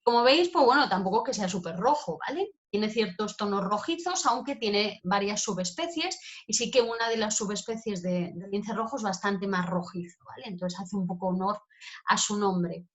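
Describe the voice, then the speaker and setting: A woman talks through a slide lecture on wild animals in a chatty, informal way. She keeps tagging her points with quick check-ins to the listener. Her pitch sits in a middle range for a woman. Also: animated. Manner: chatty, peppers phrases with "¿vale?". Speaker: wildlife educator.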